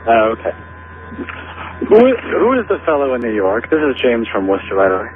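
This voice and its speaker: A man's voice: medium pitch, very animated. A male caller talking hesitantly to a radio show over a garbled, underwater-sounding cell phone line. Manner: hesitant, halting with many fillers. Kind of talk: call-in radio chat. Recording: tinny phone line with faint hum.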